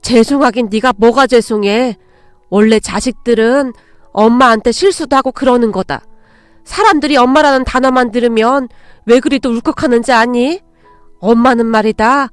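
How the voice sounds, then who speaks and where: A woman's voice: a little high, normal speed, no echo, soft background music, close to an everyday voice. A woman voicing a stern but loving older mother-in-law, firm with intruders and tender with her daughter-in-law.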